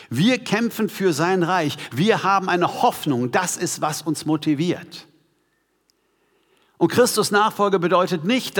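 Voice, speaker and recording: A man preaching a sermon to a congregation, emphatic and asking them rhetorical questions. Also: a little high. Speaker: pastor. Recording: long hall reverb.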